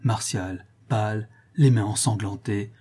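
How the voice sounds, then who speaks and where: Husky, dark-toned male narrator. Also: on the low side, measured pace. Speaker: audiobook narrator. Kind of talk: scripted narration.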